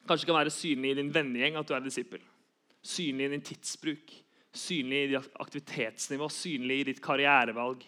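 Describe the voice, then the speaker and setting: A man's voice: medium pitch, fairly even intonation, bright, forceful tone. A young man giving an earnest sermon, repeating key phrases for emphasis. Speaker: preacher.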